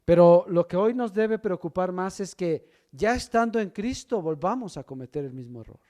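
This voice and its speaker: A man preaching a sermon, swinging from loud emphasis to hushed low lines and asking the congregation questions as brothers. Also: lively intonation, moderate pace. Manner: asks the congregation questions, addresses them as brother. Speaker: pastor.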